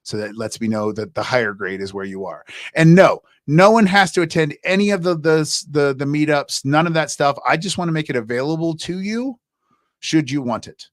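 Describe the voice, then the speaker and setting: A man's voice: fairly high pitch, animated, moderate pace, dry recording. Chatty male instructor, dry close sound. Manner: chatty, loose, many fillers and restarts. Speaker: college instructor. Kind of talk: casual livestream class talk.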